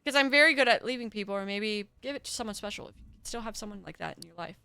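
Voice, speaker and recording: A woman voicing a gruff, misanthropic old drunk man who slurs and speaks in halting, broken sentences. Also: mid-range voice, animated, bright, forceful tone, no room sound. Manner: slurred, halting, broken grammar.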